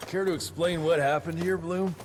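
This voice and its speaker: An actor playing a tough, sardonic vampire hunter, curt and no-nonsense, in a video game cutscene. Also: male voice, on the high side, steady tone, moderate pace, background noise, natural voice. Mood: gruffly businesslike. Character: blunt, wry, tough male vampire hunter.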